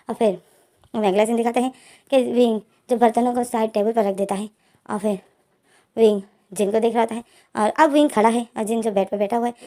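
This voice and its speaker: A woman's voice: on the high side, warm tone. A woman casually narrating a fan fiction story in long run-on sentences.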